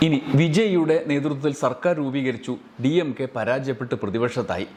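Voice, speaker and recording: A man narrating a news report in a measured, explanatory way. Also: medium pitch, darkish tone.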